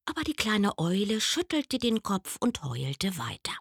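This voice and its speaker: A woman reading a children's story aloud with expressive, lively storytelling. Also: mid-range voice, unhurried, vocal fry, breathy edge, dry recording, clean studio sound.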